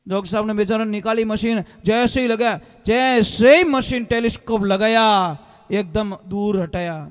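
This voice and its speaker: A man preaching a devotional sermon, telling stories in an animated way. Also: high voice, moderate pace, clean tone. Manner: animated storyteller, switching into character voices. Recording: long hall reverb.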